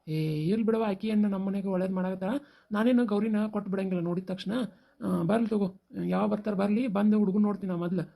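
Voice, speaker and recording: A woman's voice: mid-range voice, flat delivery, gravelly, mellow. A woman voicing a worried, reasonable village father with a North Karnataka accent in a cartoon. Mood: placating. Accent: North Karnataka Kannada. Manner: placating, hurried.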